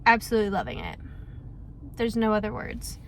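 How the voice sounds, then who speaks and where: A woman's voice: medium pitch, sing-song, a little fast, a little hiss or hum, rough recording. A young woman in her twenties giving chatty, gushing reading updates in a casual vlog. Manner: gushing, chatty, lots of fillers. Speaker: book vlogger.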